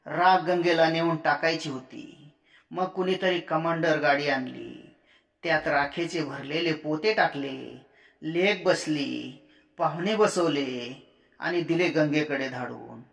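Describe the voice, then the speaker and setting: A man narrating a village story in a plain, measured storytelling manner, recorded in a roomy space. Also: on the high side, creaky, fairly bright tone. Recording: roomy echo.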